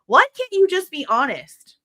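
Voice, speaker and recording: Reading a court brief aloud on her true crime livestream, a congested young woman speaks in a high, sharp voice with big pitch swings at a moderate pace. Now and then she cuts away for blunt, exasperated comments with some mild swearing.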